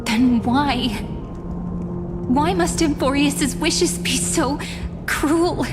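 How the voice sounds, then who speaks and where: A slow-spoken, sorrowful young heroine. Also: female voice, sits high. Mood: anguished. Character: sorrowful yet steadfast young female heroine. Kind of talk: dramatic video game voice acting. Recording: music behind the voice.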